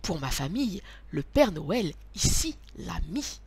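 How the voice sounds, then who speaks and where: A woman's voice: fairly low pitch, big pitch swings, measured pace, slightly rough, no room sound, full character voice. Woman doing a proud daddy rabbit. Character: proud resourceful father rabbit.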